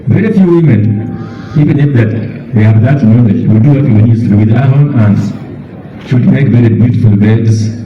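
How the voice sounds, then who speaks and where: A mature Kenyan man giving a eulogy as a bereaved father, speaking deliberately and repeating words for emphasis. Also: mid-range voice, a little hiss or hum. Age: middle-aged or older. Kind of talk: eulogy speech. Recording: echoey, distant, dull public-address sound.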